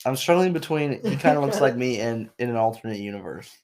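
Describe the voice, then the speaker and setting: A man's voice: medium pitch, lively intonation, fast, darkish tone. A young man co-hosting a casual podcast, laid-back and a bit hesitant, often trailing off. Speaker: podcast co-host. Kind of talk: casual chat.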